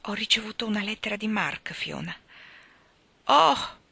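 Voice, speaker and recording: A woman's voice: moderate pace, no room sound. A woman reading a novel aloud, lifting her voice for the characters' lines. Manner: expressive, lifts her pitch for characters' lines. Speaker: reader of a novel.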